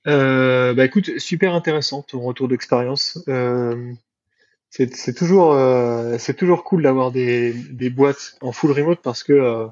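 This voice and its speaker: A man hosts a casual podcast interview in a mid-pitched voice. He sounds relaxed and hesitant, leaning on fillers and repeating himself. The recording is dry and a little dull. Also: unhurried, dry recording. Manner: relaxed, hesitant, many "euh" and repetitions. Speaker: podcast host. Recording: dry, dull, slightly lo-fi mic.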